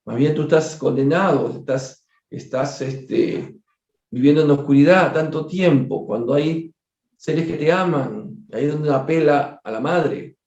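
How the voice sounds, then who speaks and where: A man leading a study group, animated, repeating words and acting out little dialogues. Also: on the high side, a little slow. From Peru. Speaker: spiritist study leader. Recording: echoey room, dull lo-fi sound.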